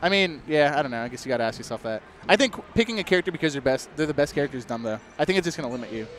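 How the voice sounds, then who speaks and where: A man's voice: a little high, expressive, fairly bright tone. A young man casually commentating a video game match, joking and teasing his co-commentator. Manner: joking, teasing, quick banter. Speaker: esports commentator.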